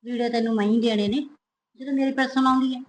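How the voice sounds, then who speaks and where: An actress with a Punjabi accent playing a patient mother who gently consoles her daughter. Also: a little high, fairly even intonation, fast talker, slight background noise, lightly acted. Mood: soothing. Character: patient mother, soothing peacemaker. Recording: echoey room.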